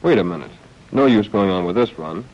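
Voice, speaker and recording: This deep, darkish-toned voice belongs to an American man narrating a 1940s training film from a script, brisk and animated yet wry and understated. The voice-over survives on a dull, band-limited old film soundtrack.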